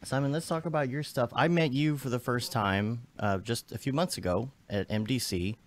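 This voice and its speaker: A man's voice: medium pitch, normal speed. A man hosting a live stream, chatting in a laid-back way that trails off into mumbles. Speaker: host. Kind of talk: casual live-stream chat.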